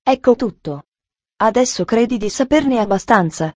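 A woman voicing a gruff, sullen ten-year-old orphan boy who mumbles curtly in a lowered voice, in a storybook reading. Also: expressive, moderate pace, dry recording.

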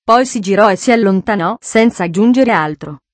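A woman narrating a children's story in a calm, even storytelling manner. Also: medium pitch, moderate pace, dry recording. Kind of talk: audiobook narration.

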